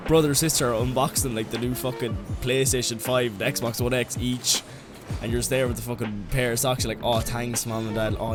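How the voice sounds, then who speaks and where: A young man with an Irish accent, ranting comically in a rambling, sweary way full of "like"s. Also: medium pitch. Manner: rambling, sweary, heavy use of "like". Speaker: vlogger. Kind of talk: comedic rant.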